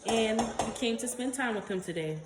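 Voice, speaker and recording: A woman's voice: fairly high pitch, expressive, moderate pace. A woman chatting casually to viewers as a vlog host, playful, sassy and bantering. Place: home kitchen, indoors. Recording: noisy room, home camera audio.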